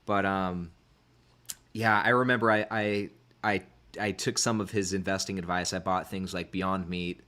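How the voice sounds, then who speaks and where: Meet an easygoing man hosting a laid-back podcast chat. His voice sits on the low side, and he thinks aloud as he shares his views. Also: level tone, normal speed, sharp tone. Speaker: podcast host.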